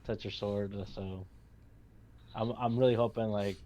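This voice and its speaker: A man's voice: fairly low pitch, fairly even intonation, measured pace, dark tone. A man co-hosting a live stream, chatting casually and rambling with restarts and jokey impressions. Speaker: stream co-host. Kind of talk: casual chat.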